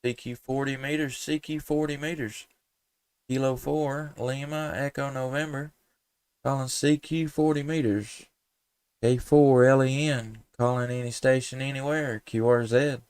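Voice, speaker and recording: A clear, resonant, somewhat mellow man's voice in the middle range holds a steady tone at a measured pace. Hailing from southern Middle Tennessee, he runs a live-streamed ham radio session of calling and casual contacts, folksy and polite, peppered with jargon and spelled-out call signs.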